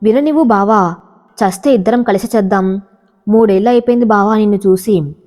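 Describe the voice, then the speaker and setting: A woman's voice: mid-range voice, brisk, mellow, big-room sound, close to an everyday voice. A woman voicing a tender, tearful young village woman who pleads emotionally in a storybook narration. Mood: pleading.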